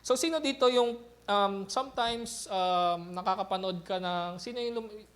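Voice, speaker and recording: A man's voice: high-pitched, measured pace, a bit bright. A man preaching a sermon as pastor in an easygoing, conversational way, often checking in with the congregation through little tag questions.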